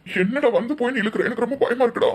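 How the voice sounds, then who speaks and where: A woman's voice: a little high, fast talker, slightly rough. A woman voicing a frightened young man pleading to save his wife. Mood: anxious pleading. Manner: anxious pleading.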